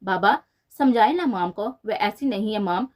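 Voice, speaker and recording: A woman's voice: medium pitch, a little mellow, natural voice. A woman reading the lines of a young adult son, a police officer, who talks in an apologetic, coaxing way. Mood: pleading.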